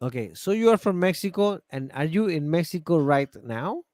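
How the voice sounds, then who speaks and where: Upbeat Chilean English teacher, dry sound. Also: male voice, a little high, no echo. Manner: animated, encouraging, slow and clear for learners. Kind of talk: online English class.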